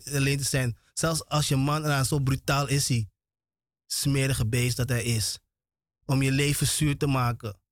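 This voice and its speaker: A man's voice: medium pitch, no echo, clean studio sound. A man preaching on the radio, emphatic and repetitive, often breaking off and restarting his words. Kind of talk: radio sermon.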